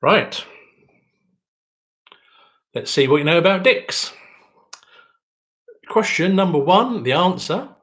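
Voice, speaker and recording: A man's voice: high voice, very animated, slow, pauses often, fairly bright tone, rough recording. A man hosting a quiz, reading each question twice and adding dry joking asides. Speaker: quiz host.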